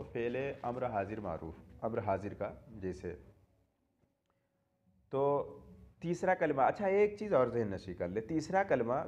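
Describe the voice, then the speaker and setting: A man's voice: mid-range voice, darkish tone, lo-fi sound. A man teaching Quran recitation rules, asking himself questions and answering them, repeating key terms. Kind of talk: classroom-style lesson explaining tajweed rules.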